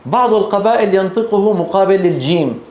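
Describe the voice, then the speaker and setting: A man lecturing a class with an animated, questioning manner. His voice sits a little high. The room echoes around him. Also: fast talker. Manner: animated, checks listeners with rhetorical questions. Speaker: Quran recitation teacher.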